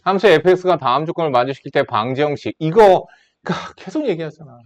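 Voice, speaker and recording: A man's voice: on the high side, lively intonation, fast, highs cut off. A man in his thirties teaching math to a class, chatting casually and teasing his students between problems. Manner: casual, teasing, talks down to students like a big brother. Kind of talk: classroom lecture with side stories.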